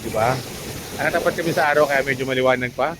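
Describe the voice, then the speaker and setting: A man's voice: mid-range voice, fast. A man vlogging casually on a beach at sunset, chatting to the camera and cooing at a baby. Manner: chatty, coos and teases a baby in a lifted voice. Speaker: travel vlogger. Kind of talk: casual vlog narration. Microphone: handheld camera. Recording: outdoor noise from waves and wind. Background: sea and surf noise.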